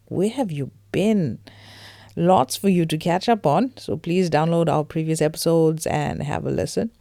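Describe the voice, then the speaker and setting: A South African woman with a Durban Indian English accent hosts a conversational financial podcast, speaking emphatically and addressing listeners directly. Her low-pitched, dark voice is captured in studio quality with no echo.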